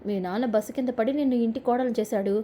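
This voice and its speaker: A domineering middle-aged mother-in-law who scolds and hurls insults in a loud voice, as a woman narrator puts her on. The voice sits a little high with a mellow, warm tone, from a serial-recap storybook reading. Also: fast talker, slight background noise, lightly acted. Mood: scolding.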